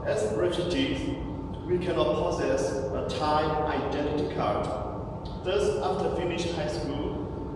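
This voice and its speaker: A man in his thirties from Burma, preaching a sermon in a slow, measured way with frequent pauses and fillers. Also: fairly high pitch. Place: church sanctuary. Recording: distant mic in echoey hall with noise.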